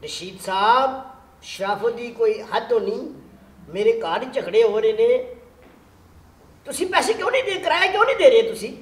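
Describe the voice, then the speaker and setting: A man's voice: very high-pitched, animated, normal speed. A man playing a blustering landlord. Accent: Pothwari Punjabi. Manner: blustering, demanding, jokey. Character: short-tempered male landlord chasing rent. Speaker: comic actor playing the landlord Mithu. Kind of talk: improvised comedy sketch acting. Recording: echoey room, light noise.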